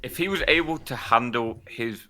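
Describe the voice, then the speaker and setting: A man's voice: mid-range voice, normal speed, sharp tone. A man hosting a livestream with casual banter, speaking in a blunt, sweary way. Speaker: host.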